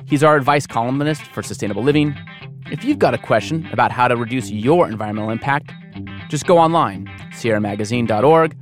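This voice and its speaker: A man hosts the show, reading scripted links in a clear, steady way. His voice sits in an ordinary middle pitch. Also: fairly quick, faint music behind. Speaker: host. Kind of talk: scripted narration.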